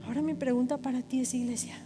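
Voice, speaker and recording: A woman's voice: sits high, steady tone, fast, in a large hall, music in the background. A woman preacher giving a sermon, telling a parable and then urging the congregation on with fervor. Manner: storytelling, then fervent and exhorting. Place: church.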